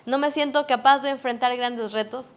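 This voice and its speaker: Woman preacher, high pitch, earnest and emphatic sermon delivery. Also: steady tone, normal speed.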